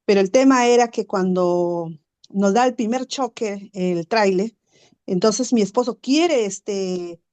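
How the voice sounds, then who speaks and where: A woman guest tells her story in loose, conversational fashion, her voice sitting at an ordinary middle pitch. She fills gaps with hesitation words and tag questions and livens things up by acting out noises as she goes. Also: measured pace. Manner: chatty, heavy on fillers and tag questions; animated, acts out sounds. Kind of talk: casual storytelling.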